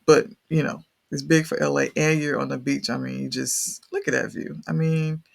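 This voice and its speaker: A man's voice: a little high, level tone, normal speed, vocal fry. A man with a thick Southern US accent, talking casually and off the cuff as he hosts a rambling, folksy map tour. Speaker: real estate video host.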